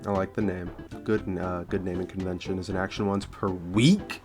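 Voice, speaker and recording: A man's voice: low voice, flat delivery, normal speed, music in the background. A man casually reviewing homebrew tabletop rules, thinking aloud and repeating himself as he goes. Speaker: tabletop game content creator.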